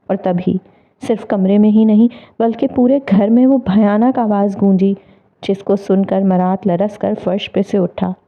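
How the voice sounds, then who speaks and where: A woman narrating a dramatic novel in a measured, expressive storytelling manner. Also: mid-range voice. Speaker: audiobook narrator. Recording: tinny phone-like audio.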